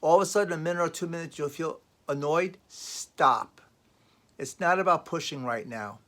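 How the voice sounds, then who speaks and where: A man's voice: fairly high pitch, normal speed, pushed and bright. A man talking as a life coach in a casual motivational vlog, rambling and emphatic, often repeating his phrases.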